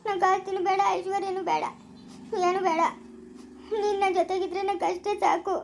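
A woman playing a quarrelsome, sharp-tongued village woman in a rural family drama. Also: extremely high pitch, steady tone, normal speed, a little hiss or hum. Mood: pleading.

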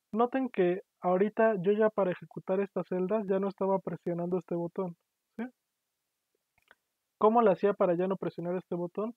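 High-voiced lecturer on a tinny line. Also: male voice, no room sound. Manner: patient, explanatory, often checks in with "no?" and "sí?". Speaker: university lecturer. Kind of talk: online programming lecture. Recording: tinny, dry, phone-like online class audio.

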